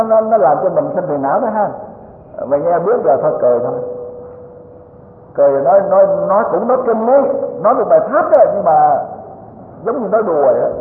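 A man delivers a Buddhist sermon in a lecture hall, mixing teaching with folksy jokes and tag questions. His voice sits high. The recording is thin and boxy, with a long hall echo and faint hiss behind it. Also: narrow, tinny audio. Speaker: Buddhist teacher giving a dharma talk.

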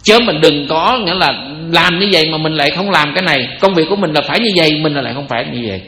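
A man's voice: on the high side, racing, pushed and bright. A man with a Southern Vietnamese accent giving a Buddhist sermon, chatty and joking, tossing rhetorical questions at his listeners. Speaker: Buddhist teacher. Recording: echoey hall.

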